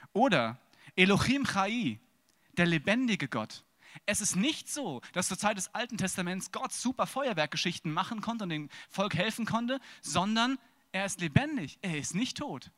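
A man preaching a sermon on stage, with a lively, dramatic delivery that swings from loud to hushed and acts out casual dialogues. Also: sits high, unhurried. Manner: plays out casual dialogues with God.

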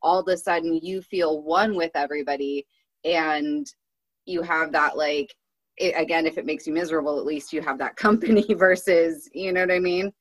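A woman in a casual chat, speaking thoughtfully and a little hesitantly, with many filler words. Her voice is somewhat low for a woman. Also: fairly even intonation, normal speed, rough recording. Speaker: guest's wife.

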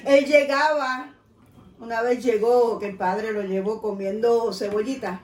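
Una mujer mayor con acento puertorriqueño que cuenta anécdotas familiares de forma animada, imitando voces. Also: female voice, fairly high pitch, unhurried, recorded from a distance. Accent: Puerto Rican. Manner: animated storyteller who acts out voices. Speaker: guest mother. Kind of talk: casual family chat. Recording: roomy, off-mic, faint room noise.

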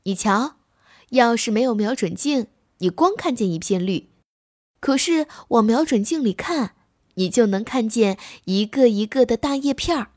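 A woman's voice: fairly high pitch, lively intonation, moderate pace, darkish tone, dry recording, clean studio sound. A woman voicing a proud, boastful grown male wolf in a children's story, lecturing in a show-offy, impatient way.

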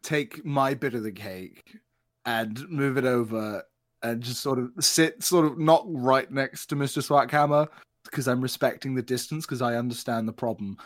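A man playing in a tabletop role-play, joking and playful in quick asides. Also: medium pitch. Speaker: player.

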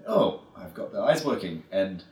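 Undead dark lord, played by a male game master, indignant and questioning, lively pitch, roomy recording. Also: normal speed. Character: undead Lich, dark lord nagging his minion. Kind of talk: in-character tabletop role-play. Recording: roomy echo, distant microphone.

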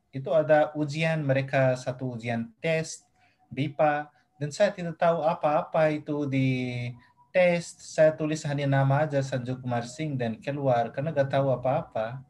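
Young man, halting speech. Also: a little high, a little mellow. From Nepal. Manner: halting, hesitant, mixing in English phrases. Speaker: guest. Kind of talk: casual interview chat.

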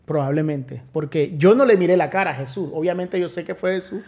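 A man's voice: a little high, a little fast, a little mellow. A man, a pastor telling his testimony in earnest, casual conversation with many restarts. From Nicaragua. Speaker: pastor, podcast guest.

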